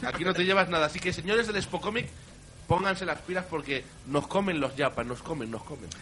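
Bright lively guy ribbing his cohost, bit of noise behind. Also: fairly high pitch, brisk. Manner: teasing, laughs a lot. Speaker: podcast co-host. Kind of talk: casual chat.

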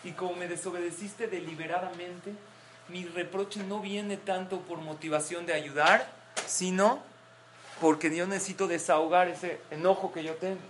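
A woman's voice: fairly low pitch, fairly even intonation, moderate pace, slight background noise. A middle-aged woman giving a parenting talk to a group of mothers, explaining points and acting out example quotes. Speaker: parenting class speaker.

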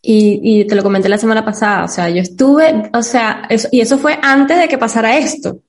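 A woman's voice: on the high side, a little fast. A woman with a Venezuelan Spanish accent in casual podcast chat, rambling with many restarts.

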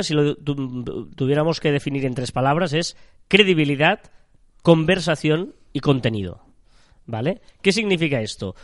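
A man's voice: on the high side, no room sound, clean studio sound. A man with a nasal, stuffed-up voice from a cold, chatting as co-host of a marketing podcast. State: has a cold.

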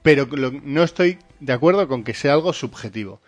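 A man co-hosts in relaxed chat, reading out comments and thinking aloud between them. His voice is mid-pitch, with faint music playing behind. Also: brisk. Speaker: co-host.

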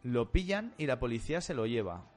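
A man co-hosting a casual podcast, bantering in a teasing, jokey way with mock sales pitches. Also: big pitch swings, brisk, faint music behind. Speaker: podcast co-host.

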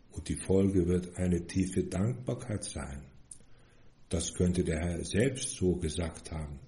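A man with a very low, dark voice delivers a sermon at a slow, deliberate pace. He speaks in an earnest, measured way, and the sound echoes around the room. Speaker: priest.

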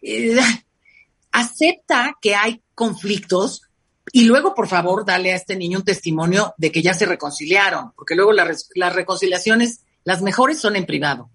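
A woman with a Mexican accent, a guest expert talking about family life in an animated, expressive way. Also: mid-range voice, moderate pace, husky. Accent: Mexican Spanish. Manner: animated, acts out quoted parents in lively voices. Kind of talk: conversational interview.

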